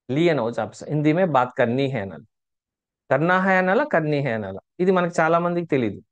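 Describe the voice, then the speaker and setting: A man teaching a spoken Hindi lesson online. He repeats phrases slowly in drills, quizzes his learners and teases them in chatty asides. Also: on the high side.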